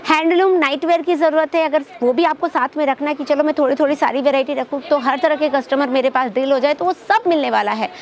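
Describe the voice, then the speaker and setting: A woman's voice: quick pace, hardly any pauses. A young woman presents a textile wholesale shop in an upbeat promotional vlog, talking straight to her viewers as friends. She is seated in an indoor shop. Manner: upbeat sales pitch, addresses viewers as friends. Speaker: presenter of a wholesale saree showroom video. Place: indoor textile shop with stacked saree shelves.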